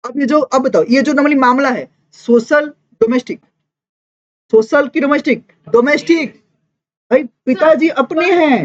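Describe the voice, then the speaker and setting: Lively woman teacher, chatty classroom lecture. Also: high-pitched, unhurried. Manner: lively, mixes Hindi and English, constant check-ins with students. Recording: dull lo-fi classroom recording.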